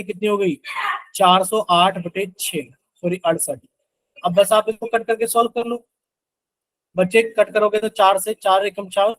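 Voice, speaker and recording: A man with a high voice teaches math live, walking through each step and chanting the times tables as he goes. He keeps prodding the class to answer him. The sound is dry and close. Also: a bit bright, no echo, rough recording. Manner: coaxing, repeatedly asks students to answer; works sums aloud with Hindi multiplication-table chants.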